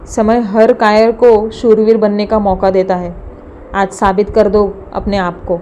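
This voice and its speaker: A woman's voice: medium pitch, little pitch movement, a little slow, a little mellow, lo-fi sound, a little hiss or hum, natural voice. A woman voicing a playful little boy who acts out dramatic movie-hero lines and whines when he wants something. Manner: dramatic, whiny when pleading.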